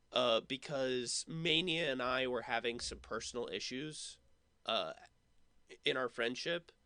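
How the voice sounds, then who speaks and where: A man's voice: mid-range voice, bright, forceful tone, clear, resonant tone, no room sound. A man hosting a watch party with casual, conversational commentary. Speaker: watch party host, former production team member.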